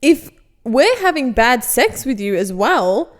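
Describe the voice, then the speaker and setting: A woman's voice: on the high side, sing-song. A woman co-hosting a podcast in casual chat, often chiming in to agree. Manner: agreeable, quick to chime in. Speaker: podcast co-host.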